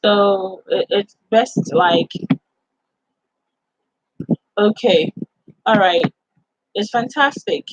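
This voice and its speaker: A woman's voice: medium pitch, drawn-out words, pauses often, no room sound, low-quality recording. A woman from Ghana with a Ghanaian accent hosts a casual live-stream chat, answering viewers in a chatty, inviting way and filling her talk with "like" and "you know.".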